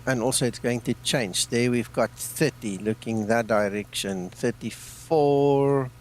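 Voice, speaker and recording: A man's voice: mid-range voice, unhurried, darkish tone, a little hiss or hum. A man streaming a flight simulator, chatting casually with viewers and thanking them often. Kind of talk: casual live-stream chat.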